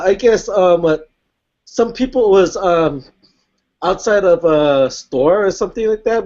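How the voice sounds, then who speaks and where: High-voiced hesitant man, lo-fi sound. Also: darkish tone. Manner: hesitant, full of "um" and "uh", laughs between words. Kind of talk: casual chat.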